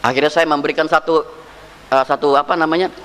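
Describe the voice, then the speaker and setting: A man's voice: on the high side, steady tone, fast talker, a bit bright, smooth. A man preaching a sermon as pastor, joking and firing rhetorical questions straight at his congregation. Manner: jokey, acts out dialogue. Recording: reverberant hall.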